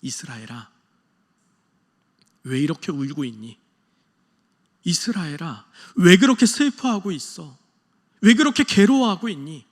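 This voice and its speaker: A man preacher speaking as God, soft, gentle and coaxing toward his grieving people. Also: fairly high pitch, expressive, unhurried, pauses often, big-room sound. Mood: tender.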